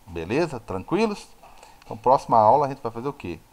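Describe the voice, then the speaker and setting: A man teaching physics over a video call, with a Brazilian Portuguese accent and a voice of middling pitch. He talks in an eager, conversational way, often posing a question and answering it himself. His volume keeps rising and falling as he explains. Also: fast. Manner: lively explaining, swings from soft to loud, asks and answers his own questions. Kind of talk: live online class.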